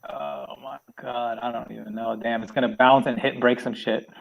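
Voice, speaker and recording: A man who is a guest comedian in a casual chat, loose and quick to laugh. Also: medium pitch, flat delivery, vocal fry, lo-fi sound, a little hiss or hum.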